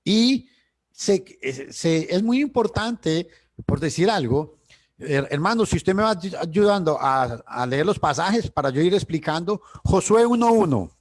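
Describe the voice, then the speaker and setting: A man's voice: sits high, animated, measured pace, dry recording. A man teaching church doctrine on a video call, emphatic and full of rhetorical questions, often restarting words.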